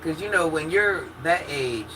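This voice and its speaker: An American woman with a naturally husky voice tells personal stories casually to a live chat in an animated, dramatic way. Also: deep voice, a little slow. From rural United States, country upbringing. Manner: animated, dramatic retelling with acted-out quotes. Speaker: livestreamer chatting with viewers. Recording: distant mic with faint background noise.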